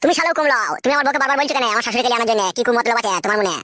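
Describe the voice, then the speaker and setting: A woman voices a crude, bickering young cartoon husband, talking extremely fast in a slightly high voice. The sound is dry and close. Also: fairly bright tone, no room sound, natural voice. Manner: crude, cheeky, quarrelsome. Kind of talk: comic cartoon dubbing.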